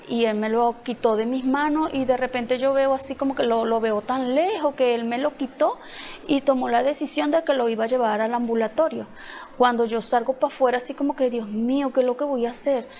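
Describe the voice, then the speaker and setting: A woman's voice: a little high, darkish tone. Woman telling an emotional church testimony. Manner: emotional storytelling, quoting dialogue. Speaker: testimony speaker.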